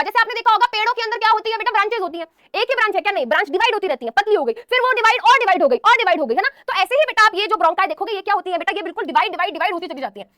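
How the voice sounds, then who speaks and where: Her voice is very high, bright and forceful as this young woman teaches a biology lesson, addressing students as "beta." She poses questions and answers them, mixing English terms into her speech, all in clean studio sound without echo.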